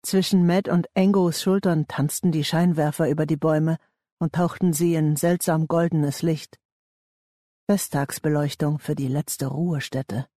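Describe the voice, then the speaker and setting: A man reading a thriller audiobook in a measured, tense storytelling manner. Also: a little high, fairly even intonation, warm tone, dry recording, studio quality. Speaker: audiobook narrator. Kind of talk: scripted thriller narration.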